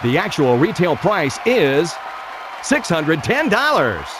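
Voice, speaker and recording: Animated, high-voiced game show host. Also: male voice, slow pace, background noise. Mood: upbeat, showy. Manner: exclamatory, showy. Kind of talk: scripted game show hosting. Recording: loud music and studio crowd behind.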